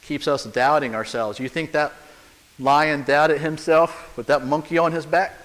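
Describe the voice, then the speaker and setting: A man's voice: fairly high pitch, fairly even intonation, a little slow, fairly bright tone. A man, a church elder, preaching a sermon in a conversational way, full of rhetorical questions and humor, in a church sanctuary. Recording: long church reverb.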